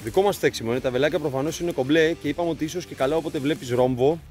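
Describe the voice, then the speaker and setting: A man's voice: on the high side, a little mellow, faint music behind. A young man casually narrating a hike on a forest trail to his viewers, joking and explaining the route as he walks, recorded on a camera mic outdoors. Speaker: vlogger leading a hike. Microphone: handheld camera mic.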